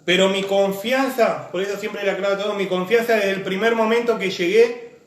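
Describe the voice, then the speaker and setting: Pitched high for a man, this preacher's steady voice rings with reverb in a church room as he talks a little fast. He speaks earnestly, stacking repeated phrases and lists while weaving personal testimony into his sermon.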